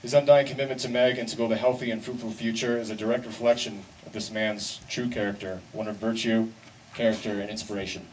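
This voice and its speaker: A man delivering a best man's wedding speech in a wry, deliberate way with pauses for effect. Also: on the low side, steady tone. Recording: distant mic, noisy live event ambience.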